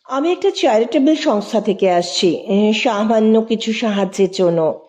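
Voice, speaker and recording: A woman voicing a gentle, humble elderly woman who once taught school, speaking softly and modestly. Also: on the high side, animated, normal speed, natural voice. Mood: flustered. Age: older. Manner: soft-spoken, modest and kindly.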